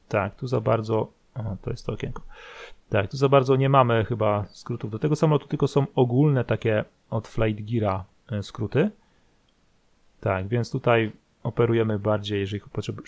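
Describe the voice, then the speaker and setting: A man giving casual, somewhat halting commentary as he walks through a screen tutorial. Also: medium pitch, gravelly, darkish tone. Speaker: flight simulator video host. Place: voice-over recorded over screen capture.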